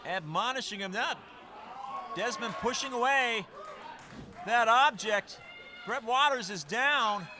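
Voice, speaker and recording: A man calling live play-by-play as a wrestling commentator, with excitable, exclamatory delivery. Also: very high-pitched, slow, long pauses, background noise. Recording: loud event crowd and music behind. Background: crowd and music.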